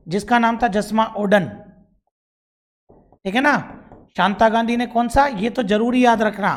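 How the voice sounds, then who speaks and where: A man with a Rajasthani accent giving an exam-prep lesson, repeating key points and asking then answering his own questions. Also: very high voice. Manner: addresses viewers as bhaiya and bhai sahab. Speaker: teacher.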